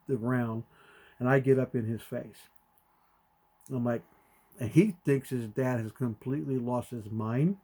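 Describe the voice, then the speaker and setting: A middle-aged man co-hosting a podcast, telling a family story and acting out the voices in it with sudden loud bursts. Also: mid-range voice. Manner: animated, acts out quotes with sudden loud jumps. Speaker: podcast co-host. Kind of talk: conversational storytelling.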